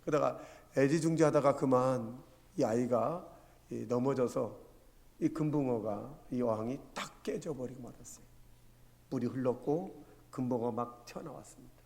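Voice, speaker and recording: A man's voice: medium pitch, moderate pace, creaky, darkish tone. A male pastor preaching a sermon, telling stories and asking the congregation rhetorical questions. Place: church sanctuary. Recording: long church reverb.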